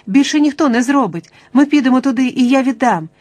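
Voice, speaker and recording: A woman's voice: medium pitch, normal speed, a little mellow, dry recording, close to an everyday voice. A woman voicing a panicked plump middle-aged man who begs in a rush of pleading words. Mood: frantic pleading. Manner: frantic, pleading, tumbling words.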